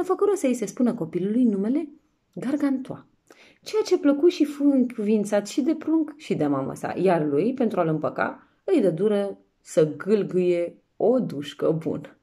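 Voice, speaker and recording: Animated actress reading a storybook. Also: female voice, medium pitch. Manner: lively, playful, acts out voices and exclamations. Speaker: actress reading a book aloud.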